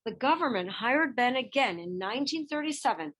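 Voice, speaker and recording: Reading from a picture-book biography, a woman narrates from a script in a voice on the high side. She delivers it expressively, stressing words deliberately.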